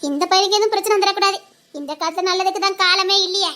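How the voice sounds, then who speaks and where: A woman acts out a kindly older village woman, her voice very high and rushed. She frets over everyone in quick, motherly rural speech. It is a soft-hearted voice from a Tamil audio drama. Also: fairly even intonation. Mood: pitying. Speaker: elderly village caretaker.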